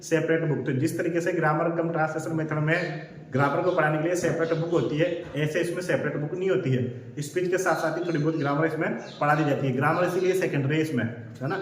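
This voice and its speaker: A male teacher giving an exam-prep lecture, repeating each point several times and reading English lines slowly before explaining them. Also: fairly high pitch, steady tone. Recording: very echoey room, faint background noise.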